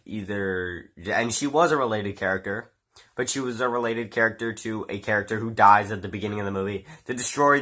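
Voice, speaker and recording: Nasal from a cold, a man with a lowish voice and a bright, forceful tone reviews a film out loud. He's a movie reviewer who rambles casually, dropping fillers and now and then a curse word.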